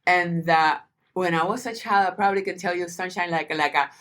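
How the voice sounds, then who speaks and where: A middle-aged woman from Rico, a lively podcast guest telling stories with many restarts. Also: lowish voice, brisk. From Puerto Rico. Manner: animated storyteller, many restarts. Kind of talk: podcast interview.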